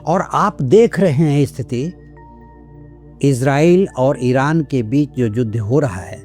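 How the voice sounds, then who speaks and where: A man's voice: medium pitch, slow, a little mellow, faint music behind. An older man, an astrologer, explaining in a lecturing way and listing his points one by one. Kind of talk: explanatory astrology talk to camera.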